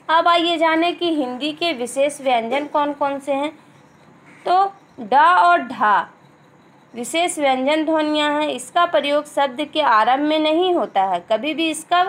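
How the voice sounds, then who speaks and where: A woman teacher explaining a grammar lesson step by step, repeating key terms and slowing down on each example word. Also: high voice. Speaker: school teacher.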